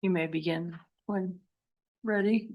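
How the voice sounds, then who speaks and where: A woman's voice: on the low side, fairly even intonation, slow pace, highs cut off. A woman presiding as judge, giving formal procedural instructions in court.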